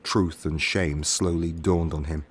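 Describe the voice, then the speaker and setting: A man who streams spooky stories, reading a horror story aloud in a steady, measured way. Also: extremely low pitch. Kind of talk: scripted horror story narration. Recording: music playing behind the voice.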